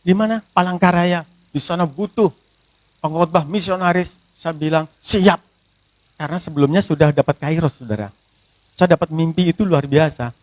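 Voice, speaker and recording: A middle-aged man preaching a sermon, telling his testimony with sudden swings between loud and soft. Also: a little high, normal speed, dry recording.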